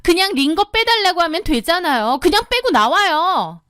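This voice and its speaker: A woman's voice: extremely high pitch, big pitch swings, moderate pace, a bit bright, no room sound, studio quality, pitched above the performer's own voice, heavily acted. A woman voicing a spoiled, bratty young sister-in-law who talks in a whiny, demanding, rude way.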